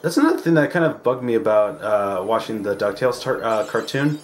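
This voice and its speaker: A man's voice: on the low side, big pitch swings, fairly quick, a little hiss or hum. A man hosting a let's play, talking casually over gameplay with lots of filler words. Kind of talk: casual game commentary. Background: game music.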